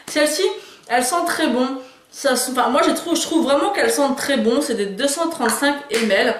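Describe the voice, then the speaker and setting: Woman, chatty and hesitant, bright higher voice, echoey room. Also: normal speed. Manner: chatty, enthusiastic, frequent hesitations. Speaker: beauty and lifestyle YouTuber. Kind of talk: casual haul video chat.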